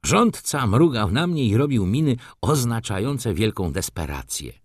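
A man narrating an audiobook in a calm, measured storytelling manner. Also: mid-range voice, husky, dry recording, clean studio sound. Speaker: audiobook reader. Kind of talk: scripted narration.

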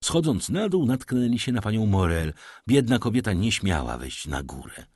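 Male audiobook narrator, low husky voice, lively intonation, dry close sound. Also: normal speed, no room sound. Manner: expressive, dramatic storytelling.

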